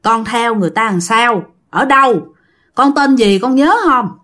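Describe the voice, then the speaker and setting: A woman voicing a calm, gentle old male exorcist who questions softly and patiently. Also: on the high side, normal speed, natural voice.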